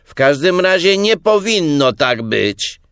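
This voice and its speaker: A man voicing a grumpy, evasive male rabbit in a high, snappish voice. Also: big pitch swings, takes it slowly, fairly bright tone, clean tone, no echo, clean studio sound, exaggerated voice.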